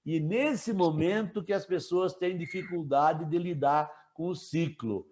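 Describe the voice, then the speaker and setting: A man teaching a live online class, relaxed and chatty, asking students questions and joking with them. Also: on the high side, a little slow, a little hiss or hum.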